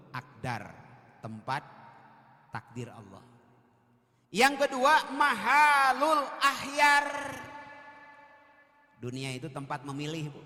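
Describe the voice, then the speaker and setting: A man with a Sundanese accent preaching a humorous sermon to a congregation, swinging from loud calls to quiet joking asides. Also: mid-range voice. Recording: echoey hall with long reverb.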